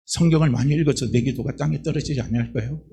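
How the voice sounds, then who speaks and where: A man pastor preaching a sermon in a church, with rhetorical questions and repeated phrases, building to loud emphatic passages. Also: medium pitch, fast talker, vocal fry, a little hiss or hum. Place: church sanctuary.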